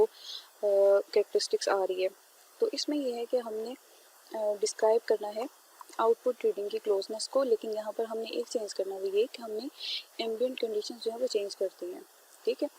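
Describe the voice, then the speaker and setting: A woman teaching a lesson, explaining slowly and step by step, often pausing with fillers and checking "theek hai". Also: medium pitch, darkish tone, a little hiss or hum, low-quality recording. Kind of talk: classroom lecture.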